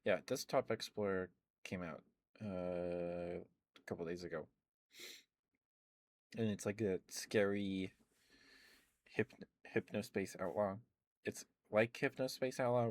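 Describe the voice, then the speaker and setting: An ASMR streamer speaks close to the microphone in a soft, meandering chat, rambling with stammered restarts and fillers. His voice sits low with a steady tone, at a measured pace with long pauses.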